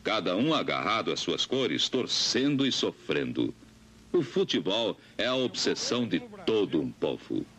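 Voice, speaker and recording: A man's voice: low voice, sing-song, a little slow, a bit bright. A man doing grand old newsreel narration. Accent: Brazilian Portuguese. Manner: grand, declamatory delivery.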